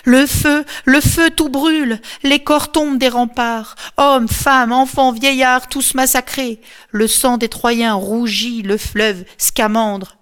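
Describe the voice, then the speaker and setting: A woman voicing a desperate young Trojan prophetess who cries out high and pleading. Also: lively intonation, normal speed, close to an everyday voice. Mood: frantic.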